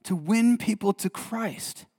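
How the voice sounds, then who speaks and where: A man's voice: high voice, slow, warm tone, breathy edge. A man preaching a sermon as a pastor, earnest, often repeating words as he goes. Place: church hall. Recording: reverberant church hall.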